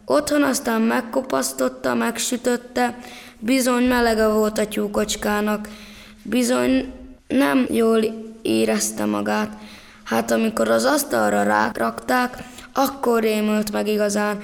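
A woman narrating a children's folk tale in a gentle, rhythmic storytelling manner. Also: a little high, fairly even intonation, gravelly. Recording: reverberant room.

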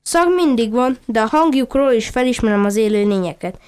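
A woman's voice: fairly high pitch, expressive, a little mellow, smooth, close to an everyday voice. A woman voicing an earnest, proud little puppy. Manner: earnest, explaining patiently. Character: curious, proud male puppy with a keen nose.

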